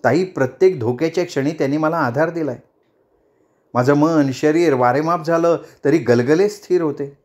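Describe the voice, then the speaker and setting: A man's voice: fairly high pitch, moderate pace, a little mellow, close to an everyday voice. A man voicing a confident, proud woman politician in a storybook reading, firm and cutting. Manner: firm, cutting, self-assured.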